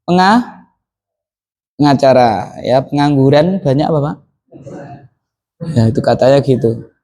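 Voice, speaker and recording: A man's voice: mid-range voice, animated, unhurried, dark tone, a little hiss or hum. A man teaching an Arabic grammar lesson in a classroom, often asking the students questions and then answering them himself.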